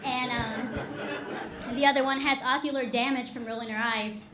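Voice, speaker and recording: A woman's voice: fairly high pitch, steady tone, measured pace, noisy background. A woman in her thirties from Texas, performing a stand-up comedy set in a dry, self-deprecating way. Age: 30s. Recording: echoey live room.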